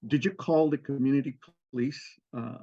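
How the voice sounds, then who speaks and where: A man's voice: mid-range voice, brisk, dark tone. A man acting as counsel in a mock hearing, asking polite questions with some hesitation. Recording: muffled lo-fi audio.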